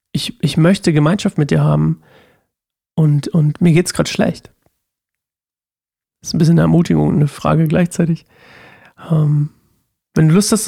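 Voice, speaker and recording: A man's voice: on the high side, vocal fry, mellow, husky, no room sound, clean studio sound. A man hosting a psalm devotional, praying, reading scripture and commenting informally as he thinks aloud, with a self-deprecating touch. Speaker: host of a daily psalm devotional. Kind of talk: prayer, Bible reading and casual commentary.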